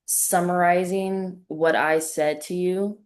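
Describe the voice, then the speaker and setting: A woman's voice: lowish voice, steady tone, slow. A young woman, a practice partner in a mentoring exercise, giving appreciative feedback with frequent fillers.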